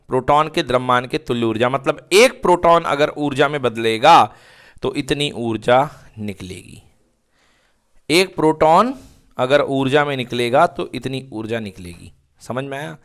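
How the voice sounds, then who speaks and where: Male physics teacher lecturing, slightly high pitch, crisp clean voice, keeps asking the class then answering himself. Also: fairly bright tone. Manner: asks students questions and answers them himself, repeats key terms.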